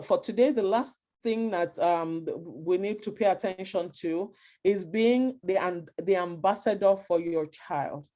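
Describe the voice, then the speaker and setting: Speaking to immigrant parents, a Nigerian-accented woman offers advice with earnest emphasis, circling back to her main points. She has a warm tone at a medium pitch.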